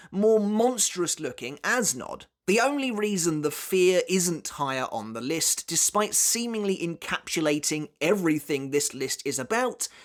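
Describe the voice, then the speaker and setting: A narrator reading scripted top ten countdown commentary in a dramatic, emphatic way, drawing out key words. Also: mid-range voice. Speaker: narrator of a ranked countdown video.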